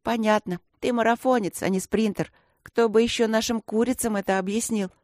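A woman's voice: on the high side, fairly even intonation, a little fast, darkish tone, no room sound, studio quality, voice pushed up, natural voice. A woman voicing a loyal teenage girl friend who teases in a lazy, wry drawl.

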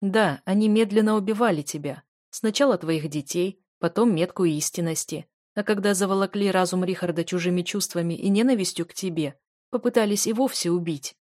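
A woman's voice: fairly low pitch, brisk, a little mellow, no echo, studio quality, natural voice. A woman reading an audiobook and voicing a blunt male friend who speaks firmly and takes charge. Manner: firm, commanding. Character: grown man, blunt loyal friend.

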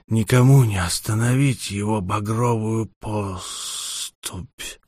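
A battered robot speaks extremely slowly in a hushed, halting way, as if each word takes effort. It is an ominous, cryptic audiobook character, recorded dry. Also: male voice, mid-range voice, no room sound. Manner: slow, halting, labored, hushed. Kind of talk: scripted audiobook character acting.

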